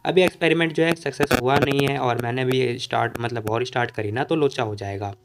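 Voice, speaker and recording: A man's voice: medium pitch, fairly quick, background noise, lightly acted. A man doing a nervous placating crime boss. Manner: placating, evasive.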